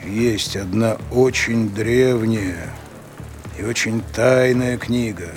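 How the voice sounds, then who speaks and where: A man playing an ancient, grave undead master in an audio drama, speaking in a measured, ominous way. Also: mid-range voice, natural voice.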